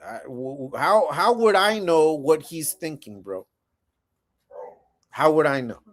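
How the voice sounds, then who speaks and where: A man's voice: fairly high pitch, lively intonation, slow. A man hosting a livestream, ranting bluntly and profanely while answering chat comments in a confrontational, mocking way. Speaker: livestream host.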